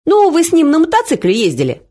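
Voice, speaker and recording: A woman reading aloud, voicing a chatty middle-aged mother who gossips in a high, excited voice. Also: quick pace. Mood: gossiping.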